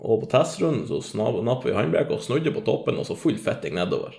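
A man's voice: medium pitch, gravelly. A young man telling a story in casual chat, swearing freely, laughing a lot and cramming his talk with fillers. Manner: profane, excitable, laughs often, frequent fillers. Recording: roomy echo.

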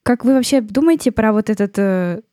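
A woman co-hosting a podcast, talking through an article in a relaxed way, thinking aloud with plenty of fillers. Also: on the high side, fairly quick, no room sound, clean studio sound. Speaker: podcast co-host. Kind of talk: casual discussion of an article.

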